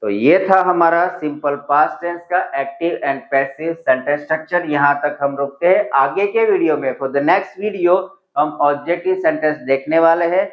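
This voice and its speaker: A man teaching English grammar in a lesson, explaining slowly in Hindi and reading English example sentences aloud, sometimes spelling words out letter by letter. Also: a little high. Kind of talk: classroom-style grammar lesson. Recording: echoey room, dull lo-fi sound.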